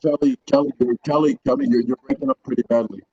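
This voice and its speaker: A man running a community meeting over a group voice call, talking loudly and briskly. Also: medium pitch, fairly even intonation, husky. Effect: heard through a group voice call. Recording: muffled lo-fi video call audio.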